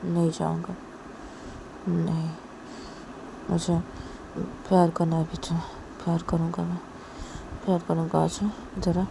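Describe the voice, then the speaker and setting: A woman voicing a young lover, talking softly and repetitively in her own voice. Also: fairly low pitch, level tone, unhurried, vocal fry, long pauses, noisy background. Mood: clingy. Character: young lover, apologetic and clingy.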